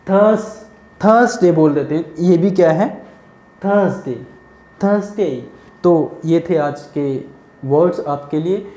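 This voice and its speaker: A man's voice: on the high side, dark tone, echoey room. A man teaching English pronunciation in a lesson, drilling each word and answering his own questions. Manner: slow, repetitive drilling of words, asks then answers himself. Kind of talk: Hindi-language lesson.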